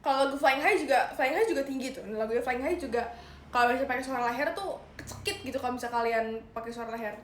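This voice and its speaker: A woman's voice: high-pitched, racing. A young woman hosting a casual livestream, chatting playfully with viewers and giving singing tips. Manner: chatty, playful, addresses viewers as guys, sings short demo lines. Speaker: idol livestream host. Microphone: phone livestream. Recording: roomy echo, faint background noise.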